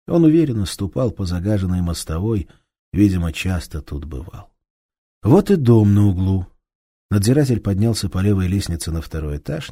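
A man narrating an audiobook with an animated, dramatic reading. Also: deep voice, husky, no room sound, clean studio sound.

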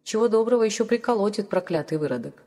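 A woman's voice: mid-range voice, lively intonation, fast, mellow, close to an everyday voice. A woman voicing a sly, cowardly older village man who mutters indignantly to himself. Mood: wheedling, hurt. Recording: long hall reverb.

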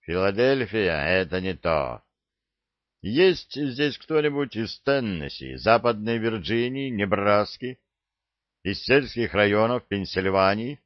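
A man's voice: on the low side, lively intonation, slow pace, dry recording, dull audio. A man voicing a tall, mocking male army drill sergeant who barks scornful orders at recruits in an audiobook. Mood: stern. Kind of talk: audiobook character voice.

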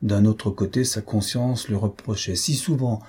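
A man reading a classic novel aloud in a measured, even storytelling manner. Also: fairly low pitch, husky. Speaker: audiobook narrator.

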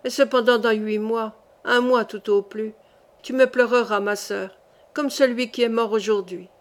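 A woman voicing a young king who is dying, gentle and resigned, pleading softly and earnestly with his grieving sister. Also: fairly high pitch, fairly even intonation, normal speed, close to an everyday voice.

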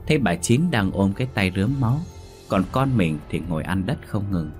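A man narrating a ghost story in a slow, dramatic manner. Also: fairly low pitch, expressive, a little mellow, faint music behind.

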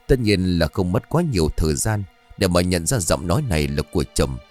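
A man narrating a ghost story in an expressive, dramatic reading style. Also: low voice, fairly quick, soft background music.

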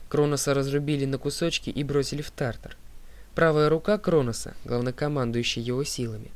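A man reading a stern young huntress girl in an audiobook, speaking gravely and evenly. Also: medium pitch, steady tone, close to an everyday voice. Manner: grave, measured.

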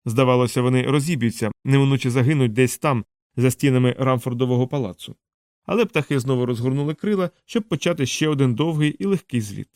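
A man narrating an audiobook in a steady, even storytelling manner. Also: medium pitch, fast, dry recording, clean studio sound. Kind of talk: scripted narration.

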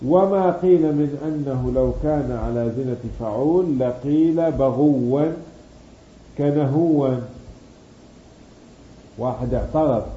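A man's voice: mid-range voice, warm tone. A man teaching a grammar lesson, explaining patiently, drawing out key words, and asking and answering his own questions. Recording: dull roomy recording with faint background hum.

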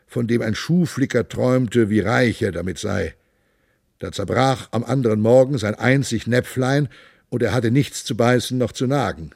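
A man's voice: mid-range voice, creaky, darkish tone, no echo, clean studio sound. A man voicing a seasoned, skeptical old male knight who speaks cautiously and questions the others.

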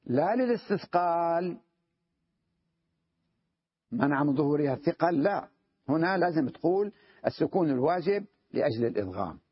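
A man teaching an Arabic grammar lesson in a classroom style, repeating key phrases slowly and often checking that his students follow. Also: a little high, lively intonation, husky, dry recording. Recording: dull lo-fi dry recording.

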